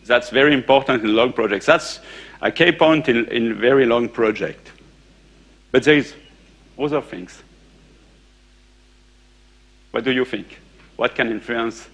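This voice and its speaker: A French-native man delivers a conference lecture in English, faltering often, beginning sentences anew, and leaning on many "uh"s and "eh"s, with the occasional question for the room. He speaks at a medium pitch with a slightly bright tone.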